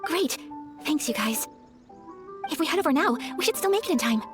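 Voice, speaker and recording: A woman playing a refined, earnest young noblewoman in a video game, speaking politely and formally in a gentle, hesitant way. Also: high voice, expressive, brisk. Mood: gentle, hopeful. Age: young adult. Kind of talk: video game character acting. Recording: faint music behind the voice.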